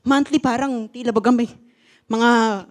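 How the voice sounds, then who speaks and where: A woman's voice: fairly high pitch, steady tone, a little slow. A woman pastor preaching a sermon to a congregation, telling her own story expressively and mixing Tagalog with English. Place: church service before a congregation.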